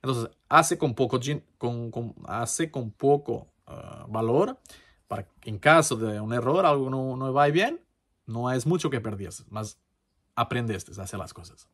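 A man's voice: medium pitch, lively intonation, unhurried, fairly bright tone. A man whose first language is Portuguese, talking to his channel in Spanish with a Portuguese accent, casual and hesitant, full of fillers and restarts. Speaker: crypto channel host. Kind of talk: casual tutorial talk to camera.

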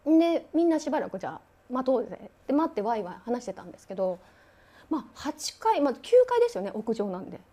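A woman's voice: a little high, big pitch swings, fast. A woman who collects ghost stories, telling one as a guest with dramatic pacing and sound effects. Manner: dramatic storyteller, sound effects, drops to hushes. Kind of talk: spoken ghost story telling.

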